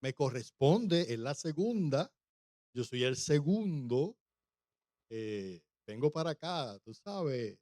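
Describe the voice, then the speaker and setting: A man's voice: medium pitch, big pitch swings, slow pace, warm tone, no room sound, studio quality, pitched below the performer's own voice. A man voicing an eager young man casually asking a father for his daughter's hand, in a sermon retelling.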